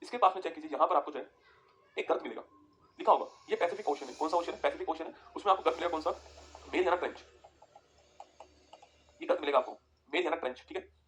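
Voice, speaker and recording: A man teaching a geography lesson over a map, talking quickly and repeating points for students to write down. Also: on the high side, fairly bright tone, slight background noise. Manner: rapid, repetitive, tells students to write points down.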